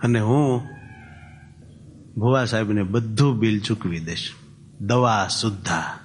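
A man's voice: fairly low pitch, takes it slowly, a little hiss or hum. A man giving a sermon, telling stories and reciting scripture verses, then explaining them in plain, homely terms. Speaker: religious preacher. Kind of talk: sermon with storytelling.

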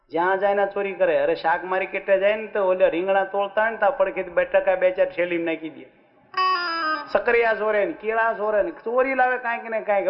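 Casting: a lively male religious storyteller, high voice, muffled recording. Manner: lively, asks the audience "understood?". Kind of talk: folksy sermon storytelling. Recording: muffled with faint music.

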